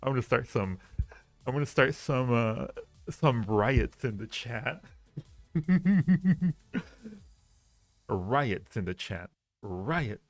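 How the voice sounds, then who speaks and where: Very slow and full of long pauses, this livestream host's mid-range voice still carries lively intonation. He chats casually and teasingly, rambling through his rankings and repeating phrases. The sound has no echo, with faint music behind him.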